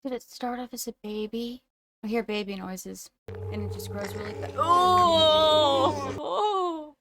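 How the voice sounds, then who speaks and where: A woman's voice: mid-range voice, fairly even intonation, moderate pace, background noise. A young woman hosting a first-time movie reaction, musing aloud and gasping and exclaiming as she watches. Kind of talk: casual movie reaction commentary.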